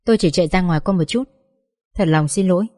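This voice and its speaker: A weary middle-aged man apologizes with tired sighs, voiced by a woman reading a story. The voice is mellow, and the sound is dry and close. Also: on the low side, fast, no echo, natural voice. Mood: apologetic.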